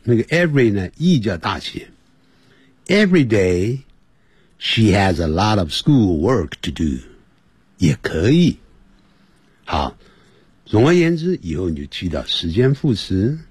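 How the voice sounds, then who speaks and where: A man teaching English on a radio lesson, explaining patiently and repeating words slowly for pronunciation. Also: mid-range voice, a little mellow, husky, dry recording.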